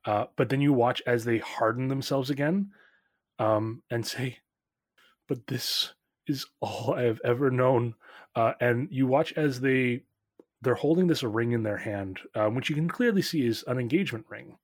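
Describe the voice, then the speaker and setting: A man's voice: medium pitch, normal speed, dry recording, clean studio sound. A man narrating as game master in a tabletop game, casual, with lots of fillers.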